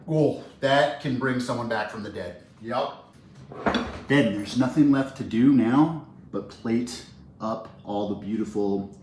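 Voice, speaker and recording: A man's voice: on the low side, darkish tone. Man, cooking show host, enthusiastic and rambling, roomy kitchen echo, faint background noise. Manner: chatty, enthusiastic, rambling with restarts. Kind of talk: casual cooking tutorial.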